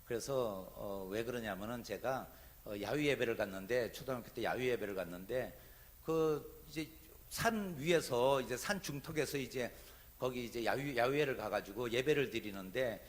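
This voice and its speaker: Korean pastor telling a lively story. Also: male voice, medium pitch, moderate pace. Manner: animated, humorous anecdote telling. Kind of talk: sermon with storytelling. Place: church sanctuary.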